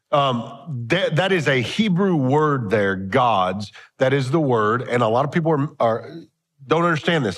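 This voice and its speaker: A male pastor preaching a sermon, reading scripture aloud in old-fashioned wording, then explaining it in everyday speech and asking his congregation questions. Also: mid-range voice. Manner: conversational, checks in with "okay?" often; talks directly with the congregation.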